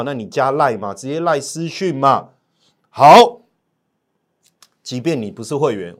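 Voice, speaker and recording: A man with a Taiwanese Mandarin accent hosting a stock market show, keeping up excitable commentary, firing rhetorical questions at his audience and now and then breaking into loud, high-pitched shouting.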